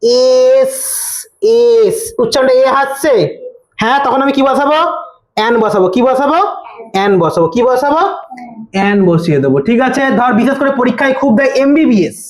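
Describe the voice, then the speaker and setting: A woman's voice: sits high, expressive, fast talker, echoey room. A woman tutoring a grammar lesson in a casual way, who keeps asking and answering her own questions and repeats the key answers.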